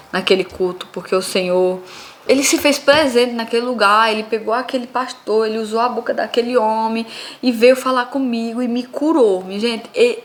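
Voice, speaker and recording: A woman's voice: on the high side, a little hiss or hum. A young woman, telling a personal faith testimony in an earnest, conversational way and speaking straight to her listeners. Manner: earnest, addresses listeners as "minha gente".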